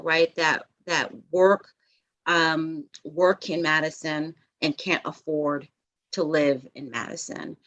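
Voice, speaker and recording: Woman with a low bright voice, lots of um and you know, on a video call. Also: low-quality recording. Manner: hesitant, many fillers and restarts. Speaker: housing developer presenting a proposal. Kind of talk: public meeting over video call.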